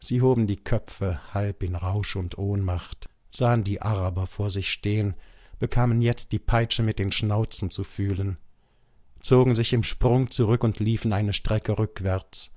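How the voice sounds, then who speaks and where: Audiobook narrator, male, lowish voice, measured, very dry close sound. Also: steady tone, darkish tone, no echo. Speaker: audiobook reader.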